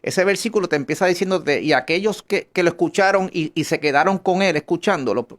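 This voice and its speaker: A man's voice: high-pitched, a little fast. A Puerto Rican man, a pastor and lawyer, explaining on a radio interview with many halts and restarts.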